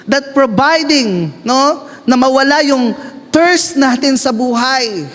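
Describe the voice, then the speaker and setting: A Filipino pastor from the Philippines preaches a sermon, switching between Tagalog and English and calling out to the congregation. His slightly bright voice shifts pitch often as he acts out prayers and asides, with long hall reverb on the recording.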